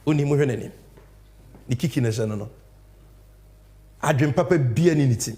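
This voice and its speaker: A man with a Ghanaian accent giving impassioned political commentary, emphatic, swinging between loud and hushed. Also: medium pitch, fairly quick. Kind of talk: impassioned political commentary mixing English and Twi.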